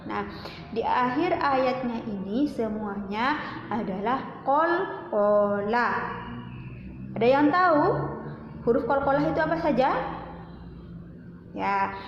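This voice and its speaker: A woman religious teacher giving a slow, patient Quran recitation lesson to children, repeating sounds as drills. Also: a little high, expressive, a little hiss or hum. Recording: roomy echo, dull lo-fi sound.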